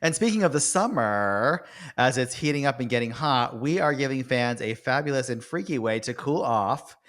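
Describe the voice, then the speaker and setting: A man's voice: mid-range voice, animated, moderate pace, a bit bright. A man hosting a podcast in a casual, campy conversational way. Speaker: podcast host. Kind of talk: casual recap chat.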